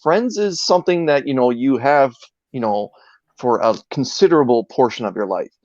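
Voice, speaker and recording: Male guest, average pitch, earnest and halting casual storytelling, dull close lo-fi audio. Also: expressive, a little mellow, no echo. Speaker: interview guest, video creator. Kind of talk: casual chat, telling anecdotes. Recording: dull, dry lo-fi sound.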